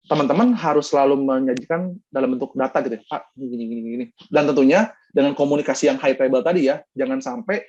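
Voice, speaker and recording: Chatty Sundanese-accented man, husky voice. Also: mid-range voice, fast, darkish tone, dull audio. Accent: Sundanese-tinged Indonesian. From Bandung, West Java. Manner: chatty, addresses the audience as friends, many fillers, acts out quoted dialogue. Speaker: guest speaker. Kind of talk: casual talk-show presentation with slides.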